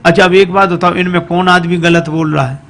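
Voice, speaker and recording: High, gravelly-voiced male devotional storyteller. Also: little pitch movement, brisk, fairly bright tone. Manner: chanting verses between narration. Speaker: religious storyteller. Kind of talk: devotional story sermon with sung verses.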